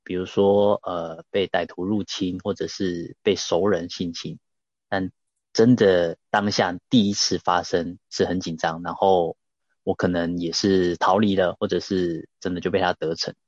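A man's voice: low-pitched, fairly even intonation, a little slow, darkish tone, dry recording. A man hosting an interview, responding reflectively to his guest's points, on slightly dull audio. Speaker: host. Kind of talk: casual interview talk.

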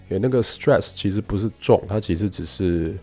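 A man teaching English pronunciation in a lesson, explaining patiently and demonstrating words slowly. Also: on the low side, dark tone, faint music behind. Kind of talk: radio-style English lesson.

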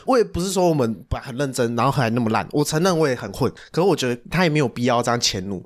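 A young man with a Taiwanese Mandarin accent, co-hosting a casual podcast and telling stories in an animated way, full of slang and swearing. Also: mid-range voice, racing. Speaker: podcast co-host. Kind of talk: casual chat.

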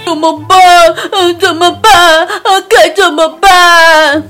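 A woman's voice: steady tone, slow pace, faint music behind, exaggerated voice. A woman playing a sobbing little bear cub. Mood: tearful. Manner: sobbing, loud and high.

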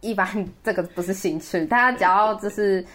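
A woman's voice: mid-range voice, brisk, a bit bright. A woman with a Taiwanese Mandarin accent talks casually as the co-host of a podcast. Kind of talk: casual chat.

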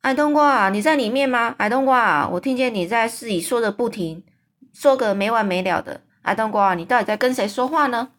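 A woman's voice: medium pitch, expressive, moderate pace, lightly acted. A woman voicing a huge, brutish, man-eating male giant who bellows and bullies in a storybook reading. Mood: bellowing. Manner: bellowing, bullying, greedy.

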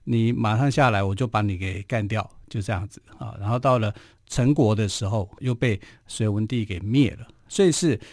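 A man's voice: fairly low pitch, normal speed, no room sound. A man with a Taiwanese Mandarin accent hosting a radio history show, telling stories casually with many filler particles, recorded in a studio. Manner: chatty, frequent filler particles.

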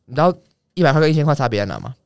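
A young man tells an animated, profanity-laced anecdote at a breakneck pace. His voice sits a little high for a man and leaps up and down as he talks. The sound is close and dry. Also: smooth, no echo. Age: young adult. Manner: rapid, swearing, animated anecdote telling. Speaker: guest. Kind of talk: casual storytelling chat.

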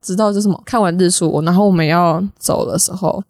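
A young woman with a Taiwanese Mandarin accent, a podcast guest telling stories in a rapid, giggly, chatty way. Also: lowish voice, fairly even intonation, a little mellow, no room sound, studio quality. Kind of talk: casual storytelling chat.

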